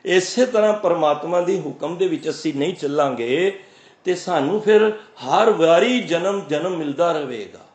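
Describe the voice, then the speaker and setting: A man giving a sermon, his voice fairly high for a man. He draws out the verses he quotes, then explains them plainly. The room around him is echoey. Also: a little mellow. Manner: explains verses slowly, chants quoted lines, asks and answers his own questions. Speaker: Sikh preacher. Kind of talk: scripture exposition.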